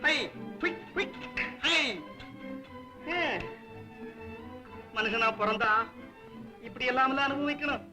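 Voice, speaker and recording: A man's voice: very high-pitched, takes it slowly, pauses often, over music. An actor playing a boisterous, playful and lazy comic man in a 1950s film, joking exuberantly. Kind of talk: 1950s film comedy acting.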